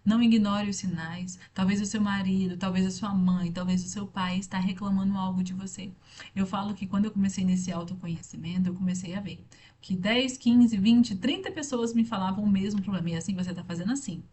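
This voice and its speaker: A woman's voice: mid-range voice, fairly even intonation, brisk, dark tone, a little hiss or hum. A young woman speaking earnestly and directly to the listener in a motivational faith talk, repeating her points for emphasis.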